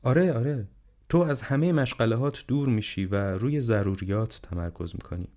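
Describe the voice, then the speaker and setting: A man voicing a gentle, wise, ailing old male professor in an audiobook, speaking calmly and reflectively. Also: mid-range voice, lightly acted. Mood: earnest. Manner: calm, reflective, unhurried counsel. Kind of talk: audiobook character reading.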